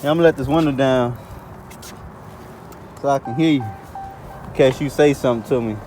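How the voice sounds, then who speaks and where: A man's voice: mid-range voice, fairly quick, a little mellow, faint music behind. A man casually chatting in slang while working on his car outdoors, filmed on a phone camera. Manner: laid-back, slangy, chatty. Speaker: car vlogger. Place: outdoors beside a car in the cold.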